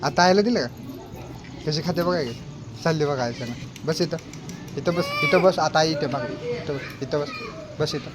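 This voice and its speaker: A man with a high, light voice talks in a casual family vlog, teasing and playfully scolding. He slips into fake whining now and then. A faint hum of noise sits under his voice. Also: normal speed, pauses often. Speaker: vlogger, father.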